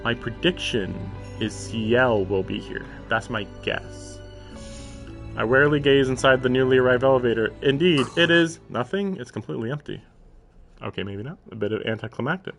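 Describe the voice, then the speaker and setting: Soft background music accompanies a man with a gravelly, mid-range voice speaking at a moderate pace. He's streaming a visual novel live, giving it a mock-dramatic reading and interjecting sarcastic, sometimes profane remarks as he combines commentary with dramatic read-aloud.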